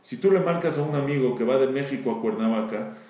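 A man, a rabbi telling a story in his sermon who reads Hebrew verses slowly and then translates them, his voice climbing sharply in pitch and volume to stress his points. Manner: animated, rising sharply in pitch and volume for emphasis. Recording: very echoey room.

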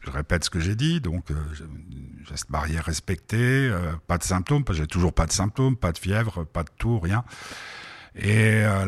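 A man's voice: sits low, slightly rough, no echo. A middle-aged man, hosting a radio show and telling a personal story in a casual, rambling way, full of hesitations and restarts. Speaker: radio host. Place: home studio during quarantine.

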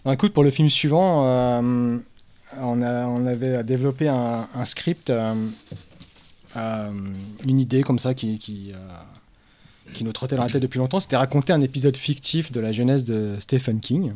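A man at a medium pitch speaks in a relaxed interview. He rambles and keeps adding fillers. His delivery is conversational and easygoing. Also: moderate pace. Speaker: film director. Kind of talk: casual interview talk.

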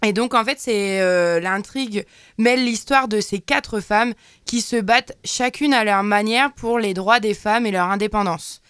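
A woman columnist on a radio talk show talks through a TV series. She hesitates often and fills her pauses. Her voice is smooth and resonant, and the sound is dry and close. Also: medium pitch, a bit bright, dry recording. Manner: hesitant, many fillers. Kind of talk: presenting a TV series review.

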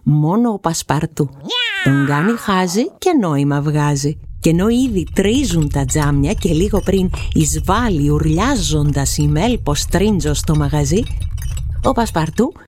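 A woman's voice: deep voice, lively intonation, noisy background. A woman narrating a children's TV comedy in a lightly wry storytelling manner. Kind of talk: scripted narration.

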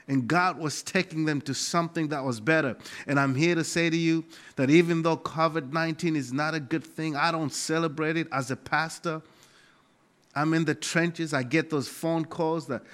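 His voice sits on the high side and is a bit bright as this middle-aged pastor, speaking with a Malawian accent, preaches. He drives his points home by deliberately repeating key phrases.

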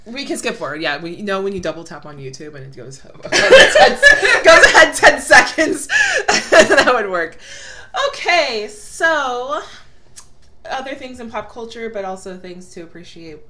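A woman co-hosting a casual podcast chat, chatty and quick to laugh, trailing off with fillers. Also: fairly high pitch, very animated, bright, forceful tone. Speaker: podcast co-host.

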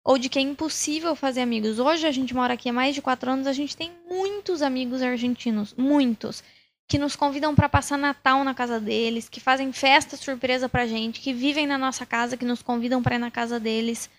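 A woman, a missionary explaining things calmly in a casual talk to the camera. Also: high voice, fairly quick.

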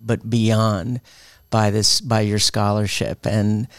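Guy hosting a law podcast, asks stuff kinda haltingly, laughs along. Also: on the low side, little pitch movement, clean tone, dry recording. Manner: quick reactions and laughs, halting questions. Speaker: podcast host. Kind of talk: interview questions.

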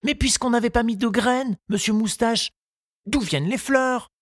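A man voicing a curious, eager young boy in an audiobook, asking bright questions. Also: very high voice, normal speed, no echo, studio quality, voice pushed up. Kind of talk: audiobook character reading.

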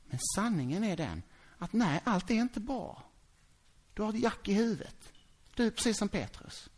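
A preacher giving a sermon in a casual, conversational way, often checking whether the congregation is following. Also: mid-range voice. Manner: animated, acts out quoted voices.

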